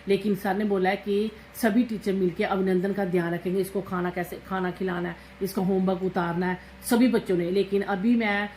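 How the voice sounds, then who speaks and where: A woman in her thirties, a mother, telling a story in a casual vlog while cooking at home, animated and repeating her own words with emphasis. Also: mid-range voice, a little fast, few pauses, echoey room, a little hiss or hum, poor audio. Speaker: vlogger, mother.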